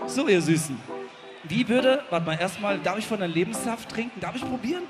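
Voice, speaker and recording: A man's voice: high-pitched, expressive, brisk. A German man, a musician performing live at an open-air festival, joking playfully with the crowd between songs. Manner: playful, cheeky, calls out to the crowd. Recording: live concert sound with loud band music.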